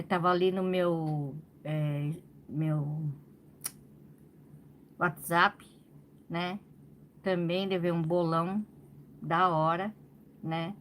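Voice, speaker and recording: A woman's voice: lowish voice, a little hiss or hum. A woman with a Brazilian Portuguese accent hosting a crochet channel, venting in casual live-stream chat and tagging her sentences with "né?". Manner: venting, repeats phrases, frequent "né?".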